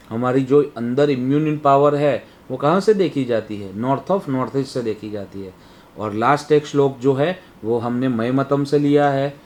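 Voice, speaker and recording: A male webinar teacher with a medium-pitched voice, explaining each point patiently and step by step. He keeps checking in with his listeners by asking whether they follow. His tone is that of a lecture given to students. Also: darkish tone. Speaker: Vastu teacher.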